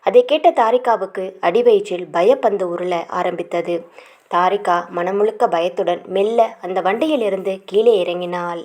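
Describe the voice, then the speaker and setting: A woman's voice: mid-range voice, moderate pace, darkish tone. Woman narrating a romance audiobook. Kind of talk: scripted narration of a romance novel.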